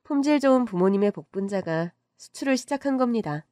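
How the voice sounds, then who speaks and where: A woman's voice: fairly high pitch, animated, a little fast, warm tone, dry recording, clean studio sound. Woman narrating a heartfelt story. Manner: emotional, heartfelt.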